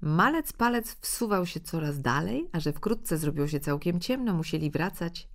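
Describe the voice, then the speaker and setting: Low-voiced woman reading a fairy tale. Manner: calm, measured storytelling. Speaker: narrator.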